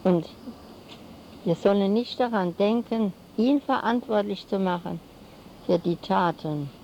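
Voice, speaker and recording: An older woman preaching a solemn sermon to a congregation, speaking slowly and weaving rhymes into her phrases. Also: medium pitch. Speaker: lay preacher. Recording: dull lo-fi recording with faint noise.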